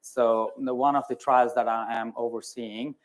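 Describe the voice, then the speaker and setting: Man from Nepal, thirties, measured explanatory panel talk, mid pitch. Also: fairly even intonation, a little hiss or hum. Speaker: clinical study manager on a panel.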